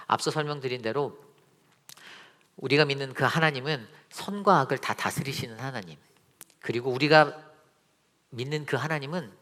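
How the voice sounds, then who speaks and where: A man's voice: mid-range voice, bright, forceful tone. A man preaching a Sunday sermon as pastor, earnest and building to emphatic peaks. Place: church sanctuary. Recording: long reverb of a church sanctuary.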